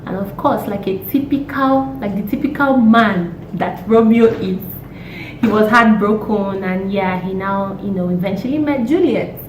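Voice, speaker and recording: A young woman, hoarse from a cold, chatting casually and emphatically as a vlogger with exasperated rhetorical questions. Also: medium pitch, unhurried. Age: young adult. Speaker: YouTube vlogger. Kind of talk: casual opinionated chat. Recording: roomy echo, distant mic, faint noise.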